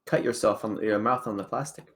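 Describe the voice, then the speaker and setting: Low-voiced young man, teasing. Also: fairly even intonation, brisk, fairly bright tone. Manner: teasing, sarcastic. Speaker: podcast co-host. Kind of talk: casual chat among friends.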